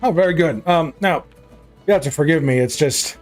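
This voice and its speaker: A man's voice: on the high side, normal speed, soft background music, voice pushed up, natural voice. A man voicing a large female orc tavern keeper, folksy, chatty and hospitable, in a tabletop game. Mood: welcoming, chatty. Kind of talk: tabletop role-play character voice.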